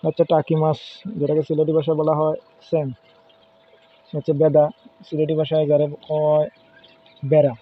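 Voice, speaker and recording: A man's voice: fairly high pitch, monotone, normal speed, pauses often. A man casually showing his home fish tank, pointing out and naming each fish as he goes. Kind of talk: casual home video walkthrough. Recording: phone-like lo-fi sound with faint noise.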